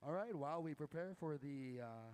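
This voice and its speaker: A man's voice: a little high, animated, normal speed, a little mellow. A man emceeing a powwow from an outdoor announcer's booth, making casual, informal announcements and draw calls.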